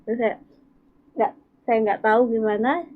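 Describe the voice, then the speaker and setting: A woman's voice: fairly high pitch, moderate pace. A woman guest tells a personal faith testimony with feeling, acting out what people said. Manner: emotional storytelling, acts out dialogue. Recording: tinny, phone-like sound.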